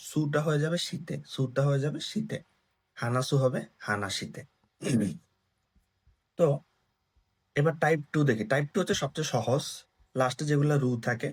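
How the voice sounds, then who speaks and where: A man's voice: mid-range voice, slightly rough. A young man teaching a language grammar lesson in short, broken phrases, often checking that listeners follow.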